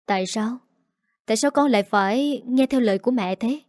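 A woman voicing a defiant, sharp-tongued young daughter-in-law who talks back in a cold, taunting way. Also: a little high, brisk, no room sound, studio quality, close to an everyday voice.

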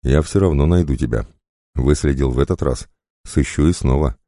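A man voicing a grim, vengeful male outlaw with a hoarse, rough, growling voice. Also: a bass voice, moderate pace, dark tone, no room sound, studio quality.

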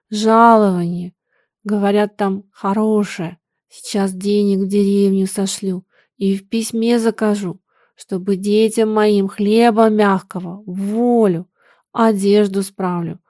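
A woman's voice: on the high side, no room sound, clean studio sound, natural voice. A woman voicing a poor, grieving peasant mother who speaks in plaintive, sighing folk speech.

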